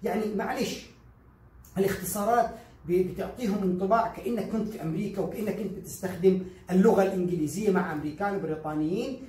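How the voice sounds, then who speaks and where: Animated man teaching, echoey room. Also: sits high, rapid-fire, far from the mic, slight background noise. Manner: animated and chatty, mimicking learners with exaggerated accents. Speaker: English teacher. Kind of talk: lively spoken lesson.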